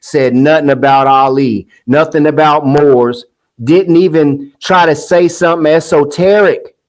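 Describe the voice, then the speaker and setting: A man's voice: fairly high pitch, a little slow, poor audio. A man hosting a casual commentary monologue, heated and scoffing, rambling with restarts. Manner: sing-song mocking quotes. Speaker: commentary host.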